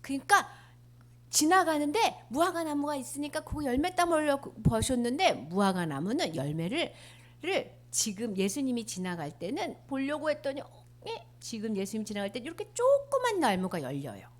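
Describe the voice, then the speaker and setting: A woman telling a Bible story to children in an animated way, asking them questions as she goes. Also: high-pitched, moderate pace. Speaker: children's sermon teacher.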